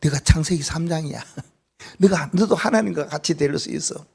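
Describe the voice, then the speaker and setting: A man with a Gyeongsang accent voicing Satan as a male tempter, coaxing and flattering the listener in a sermon. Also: a little high, normal speed, vocal fry, breathy edge.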